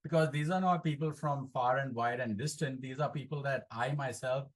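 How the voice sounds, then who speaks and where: Man, participant, mid pitch, steady explanatory tone. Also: normal speed. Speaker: roundtable participant. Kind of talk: casual group video call.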